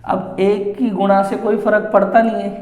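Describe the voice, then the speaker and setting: A man teaching maths at a board, explaining each step slowly and repeating the same phrases as he goes. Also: high voice, little pitch movement, a little mellow. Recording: echoey room with long reverb.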